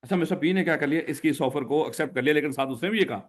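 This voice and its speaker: A man's voice: a little high, racing. A man with a Pakistani Urdu accent teaching a class, repeating questions and teasing his students affectionately. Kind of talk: classroom lecture.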